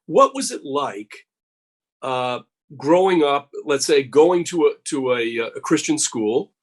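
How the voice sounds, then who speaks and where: A man hosting an interview, asking measured, polite questions with a few fillers. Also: fairly high pitch, lively intonation. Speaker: interviewer and host. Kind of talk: conversational interview.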